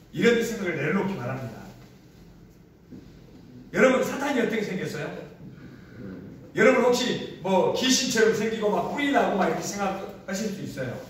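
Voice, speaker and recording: A man with a high voice preaches a sermon, asking his congregation questions and acting out the lines he quotes. His voice comes from well off the mic and rings through a very reverberant hall. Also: fairly bright tone, a little hiss or hum. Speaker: pastor. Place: large echoey hall used for a church service. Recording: very echoey room, voice from far off the mic.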